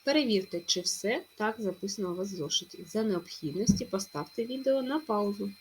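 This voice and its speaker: A woman teaching a primary school language lesson in a recorded remote class, clearly stressing each sound as she dictates. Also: medium pitch, lively intonation, a little fast, slight background noise, rough recording.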